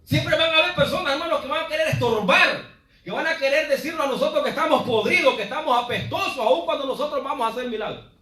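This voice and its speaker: A pastor with a high voice preaches fast in an echoey church hall, often drifting off the distant mic. His sermon swings from loud cries to low asides, and he keeps calling the congregation "hermano."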